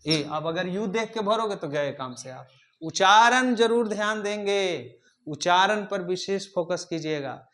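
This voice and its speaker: A man teaching English leads a classroom grammar lesson, his voice high and lifted with a fairly bright tone. Questions come at the students constantly, and he repeats each prompt until they respond.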